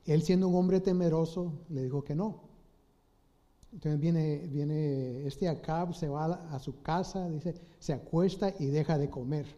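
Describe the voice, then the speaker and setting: A man preaching an informal sermon, retelling a Bible story in a halting way with many restarts and rhetorical questions. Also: a little high, warm tone. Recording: slightly dull lo-fi audio.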